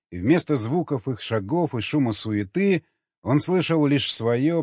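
A man narrating an audiobook in a steady, measured reading voice. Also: medium pitch, no echo. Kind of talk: scripted narration. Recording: dry, slightly dull recording.

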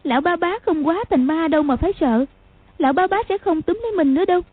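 A woman voicing a frightened but kind-hearted little girl in an audiobook, soft and timid, with a husky voice. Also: very high-pitched, quick pace, no room sound, pitched above the performer's own voice. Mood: gentle. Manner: soft, timid, stammering when scared. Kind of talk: audiobook character voice. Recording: tinny phone-like, dry.

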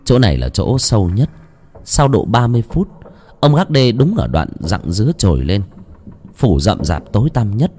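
A man narrating a horror story in a dramatic, expressive way. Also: on the low side, moderate pace, breathy edge.

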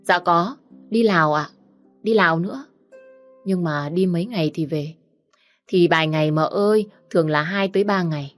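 Brief: narrator giving voice to a chatty young maid, outspoken, a bit higher, storybook. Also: female voice, normal speed, soft background music, lightly acted. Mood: eager. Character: young blunt house maid girl.

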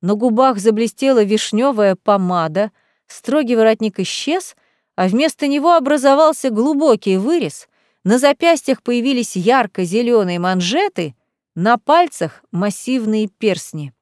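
A woman reading a fantasy novel aloud as the narrator, in an even, measured way. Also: fairly high pitch, no room sound, clean studio sound. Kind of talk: audiobook narration.

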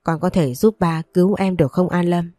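A remorseful father, voiced by a woman narrator pleads and apologizes in a low, mellow voice. The delivery is dry and close, with faint music underneath. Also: a little fast, dry recording, lightly acted. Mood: pleading. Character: remorseful middle-aged father returning home.

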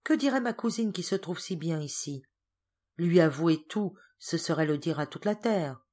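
A woman's voice: fairly low pitch, lively intonation, normal speed, dark tone. A woman reading aloud and voicing a distraught, pious young woman, anguished and pleading. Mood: despairing.

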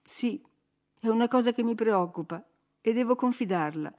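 A woman's voice: on the high side, moderate pace, a little mellow, voice pushed up, natural voice. A woman voicing an impetuous, willful young woman who speaks in an emphatic, insistent way. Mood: anxious pleading.

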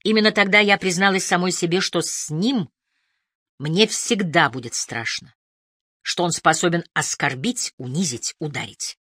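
A woman narrating a first-person story as an audiobook reader, with an expressive delivery that moves between hushed and lifted tones. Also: fairly low pitch, normal speed, husky, dry recording, studio quality.

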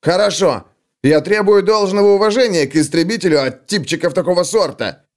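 A man doing a loud, boastful young dwarf warrior. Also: high voice, pitched above the performer's own voice, lightly acted. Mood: indignant. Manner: loud, blustering and quick to take offence. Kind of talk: audiobook character voice.

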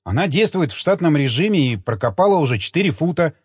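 A man reading an audiobook, voicing a nervous male engineer who talks in a high, frantic, near-squealing way, in a slightly muffled dry recording. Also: big pitch swings, quick pace, breathy edge, no room sound. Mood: tense.

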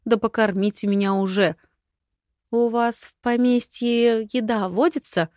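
A woman's voice: a little high, steady tone, a little slow, a little mellow, no echo, studio quality, pitched above the performer's own voice, close to an everyday voice. A woman voicing a brash, mocking young heroine. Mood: snarky. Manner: snappy, mocking retorts. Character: sharp-tongued young heroine, brash and defiant.

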